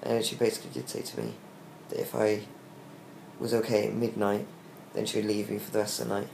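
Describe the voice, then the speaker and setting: Weak, tired British man, low gravelly voice. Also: flat delivery, brisk, a little mellow. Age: young adult. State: weak and tired after surgery, short of breath. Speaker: vlogger giving a recovery update. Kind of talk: casual video diary. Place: small hospital room, lying in bed. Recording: roomy echo with faint background hiss.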